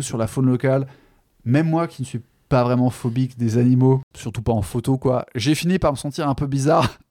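A man hosting a podcast, chatting casually about a book, pausing often with fillers and restarting his sentences. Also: mid-range voice, warm tone. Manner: hesitant, many fillers and restarts, chatty asides. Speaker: podcast host. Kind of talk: casual literary chat.

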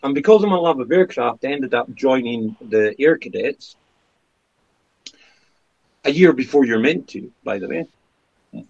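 A man in his fifties from the Scottish Highlands, with a Highland accent, talking casually and candidly about things in a conversational, storytelling way. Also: animated, a little slow, gravelly, pauses often, a little mellow, breathy edge. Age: 50s. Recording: dull lo-fi sound.

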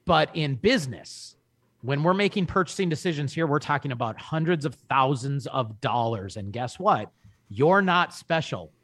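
A man in his early forties, talking in a casual podcast chat with an emphatic, energetic salesman's delivery. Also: on the high side, moderate pace, no echo. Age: 40s. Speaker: guest.

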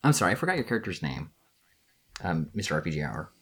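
A man narrating as game master of a tabletop game, halting, with many restarts and fillers. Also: sits low, very animated, a bit bright, breathy edge.

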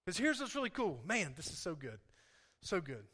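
A man's voice: high-pitched, huge pitch swings, normal speed, pushed and bright, slightly rough. A man preaching an informal, impassioned sermon to a congregation, repeating phrases for emphasis and dropping in conversational asides.

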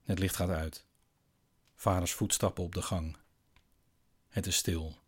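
A man narrating a scripted eerie bedtime story in a quiet, slow, hushed way with long pauses. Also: sits low, level tone, breathy edge.

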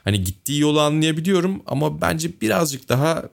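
A man's voice: fairly high pitch, expressive, fast talker, creaky. A man co-hosting a casual talk show, giving opinions at length and thinking aloud with fillers. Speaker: podcast co-host. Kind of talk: casual conversational commentary.

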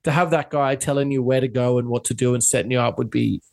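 A man's voice: mid-range voice, quick pace, creaky. A young man with an Australian accent, co-hosting a casual chat and animatedly acting out stories. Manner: animated storyteller, acts out quotes. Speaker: podcast co-host.

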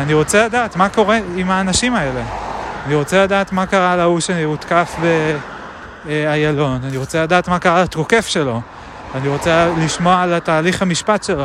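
A man recording a reflective spoken diary outdoors, musing aloud with many pauses and hesitations. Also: on the high side. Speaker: video diarist. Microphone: action camera. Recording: traffic noise outdoors.

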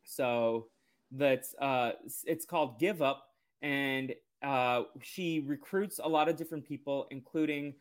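A man's voice: medium pitch, unhurried. A man co-hosting a podcast, casually recapping a cartoon episode in a loose, rambling way. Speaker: podcast co-host.

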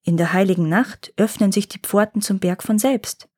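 A wise old gnome grandfather, read by a woman, recounts the old days at an even, unhurried pace. The voice stays close to a plain reading voice, calm and measured. It sounds like a storybook told aloud. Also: mid-range voice, slightly rough, close to an everyday voice. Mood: telling.

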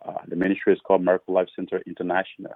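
A very low-voiced man from Liberia with a husky tone, speaking over a muffled, phone-like line. He is a pastor sharing his testimony in an interview, earnest, and he often restarts his sentences by repeating words. The sound is dry, with no room around it. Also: monotone, very fast, dry recording. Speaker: pastor and author.

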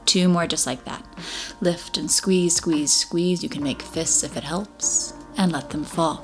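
Low-voiced woman leading a Pilates class. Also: measured pace, music in the background. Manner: encouraging, step-by-step cueing. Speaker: Pilates instructor. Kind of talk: guided exercise class instruction.

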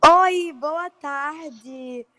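A young actress from Paraíba, Brazil, with a Paraíba accent, talking earnestly in a casual interview with frequent fillers. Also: female voice, sits high, extremely slow, fairly bright tone, dry recording. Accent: Paraíba Brazilian Portuguese. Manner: earnest, fluent, many fillers. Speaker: actress guest.

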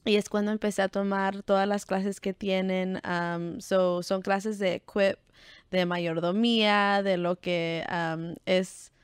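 Texan woman chatting, smooth and dry. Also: medium pitch, flat delivery, slow pace, no echo. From Texas, United States. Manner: mixes English fillers into Spanish, frequent "so" and "am". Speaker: guest. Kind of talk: casual interview conversation.

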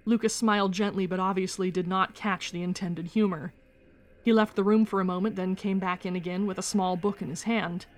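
A woman reading a first-person memoir aloud in a steady, measured storytelling manner. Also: mid-range voice. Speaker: narrator.

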